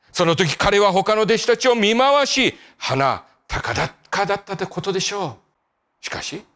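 A male pastor delivering a sermon in a high, bright-toned voice. His pitch leaps and swoops as he tells the story, rising on key moments, then dropping to near-whispered endings. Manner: storytelling, shifting between lively emphasis and quiet soft endings.

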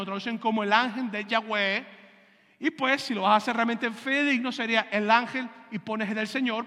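Pastor guy teaching a sermon, bright sharp voice, gets the crowd to repeat words, big echoey hall. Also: high voice. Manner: has the congregation repeat terms and checks they follow. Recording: long hall reverb.

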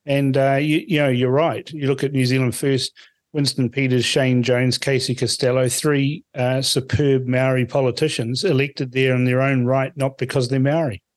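A man hosts a relaxed talk radio phone-in at a middling pitch. His delivery is conversational and somewhat halting, and the sound is close and dry, with hardly any room to it. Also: no echo. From Fiji. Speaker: radio talk show host.

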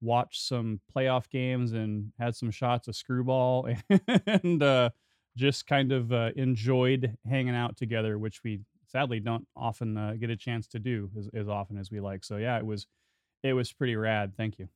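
A man's voice: mid-range voice, fairly even intonation, moderate pace, clean tone, dry recording, clean studio sound. A man hosting a metal radio show, chatting casually and loosely with his guest in a laid-back way. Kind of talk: casual interview chat.

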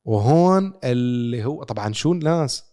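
A man's voice: mid-range voice, expressive, moderate pace, dark tone. A man with a Levantine Arabic accent, co-hosting a podcast with a casual sports recap, told like a story with rhetorical questions. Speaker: podcast co-host.

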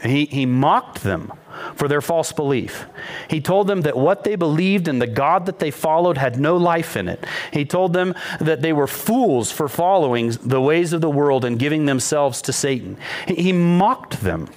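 A man preaching a sermon as pastor, retelling a scripture story with lively, mocking quoted voices. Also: moderate pace. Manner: storytelling, rises in pitch when quoting mockery.

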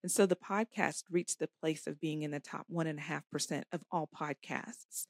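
A woman's voice: low-pitched, steady tone, normal speed, dry recording, studio quality. A woman guest on a podcast, earnestly telling a personal faith story and acting out her inner conversations. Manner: earnest testimony with acted-out inner dialogue. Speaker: podcast guest, life coach. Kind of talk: faith-based interview storytelling.

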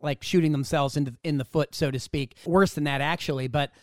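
Male host, emphatic, indignant, fairly high pitch, dry sound. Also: steady tone, brisk, darkish tone, no room sound. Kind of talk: political interview.

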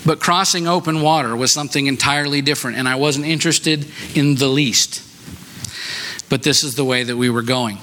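A man's voice: medium pitch, fairly quick, bright, forceful tone, slight background noise. A man preaching a sermon in a church, telling a personal story in a conversational, self-deprecating way and often checking in with "right?". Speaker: pastor.

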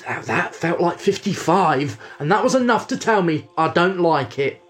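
A woman's voice: lively intonation, moderate pace, faint music behind, poor audio. A woman co-hosting a podcast, chatting and reading a book aloud mockingly, with a sarcastic, playful manner. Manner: sarcastic, playful, swings into high put-on voices. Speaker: podcast co-host.

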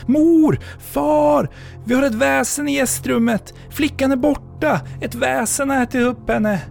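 A man voicing a panicked young farm boy, shrieking in a frantic high voice. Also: creaky, a little mellow, faint music behind.

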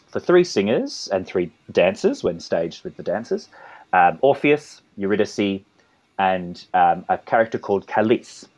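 A man's voice: fairly low pitch, a little mellow. A man with an Australian accent, a composer and conductor talking as a guest in an interview, rambling with many restarts and asides. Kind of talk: conversational interview.

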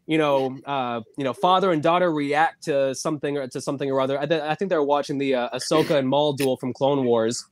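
A man's voice: medium pitch, fairly even intonation, fast, hardly any pauses, no echo, clean studio sound. A man co-hosting a casual talk show, hesitant and stumbling, repeating words before making his point. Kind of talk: casual chat.

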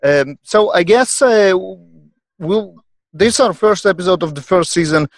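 A man with a Russian accent hosting an unscripted podcast, speaking in a hesitant, halting way. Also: sits high, animated, no room sound. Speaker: podcast host. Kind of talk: unscripted panel podcast introduction.

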